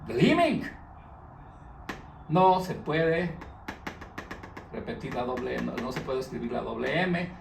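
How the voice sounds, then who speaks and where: Man, grammar lesson, gravelly voice, echoey room heard from a distance. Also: mid-range voice, measured pace, long pauses, a little hiss or hum. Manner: patient, repetitive explaining, stressing English words. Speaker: English teacher.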